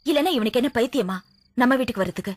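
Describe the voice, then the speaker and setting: A woman's voice: on the high side, animated, very fast. An actress playing a cheerful, headstrong young female college student who talks in a chatty, coaxing way. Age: young adult. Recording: film soundtrack under loud music.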